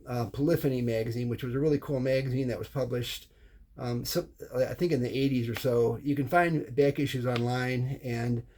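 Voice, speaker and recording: This hobbyist presenter is an American man of middle age or beyond, speaking informally without a script. He falters, repeats himself and restarts phrases in a mid-range voice with a dark tone, over slight background noise.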